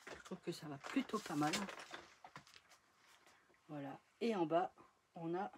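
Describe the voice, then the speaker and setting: A woman with a low voice takes her time talking in a sewing vlog filmed in her home sewing room. She rambles casually with fillers, trailing off as she shows off her projects, and there's background noise.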